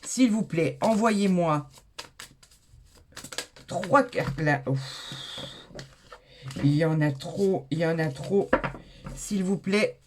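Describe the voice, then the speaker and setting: A woman's voice: low voice, slow pace, pauses often, slight background noise. A woman giving a tarot card reading to her viewers, enthusiastic and exclaiming, with frequent hesitations. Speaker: tarot reader.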